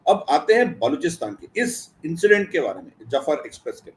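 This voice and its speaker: Male guest commentator, high-pitched, hesitant, fills pauses, explains step by step. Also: very animated. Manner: hesitant, many filler sounds, explanatory. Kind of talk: interview answer.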